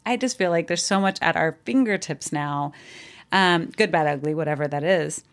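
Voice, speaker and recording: A woman in her forties, appearing as a relationship expert guest, offers frank advice during a casual podcast conversation. She speaks at a normal speed in a low voice.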